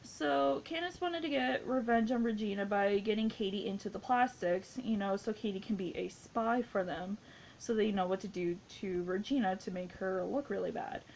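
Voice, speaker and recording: A woman's voice: mid-range voice, moderate pace, vocal fry, a little mellow, slight background noise. Gushing young woman rambling about a film. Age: 20s. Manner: rambling, gushing, heavy use of "like". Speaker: movie reviewer. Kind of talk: casual spoken movie review.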